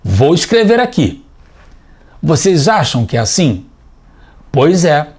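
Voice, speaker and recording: A man leads a scripted children's lesson as the teacher. He speaks slowly and patiently in a fairly high voice. His pitch rises and falls a lot as he explains each point. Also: big pitch swings, darkish tone. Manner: clear, patient, explaining step by step.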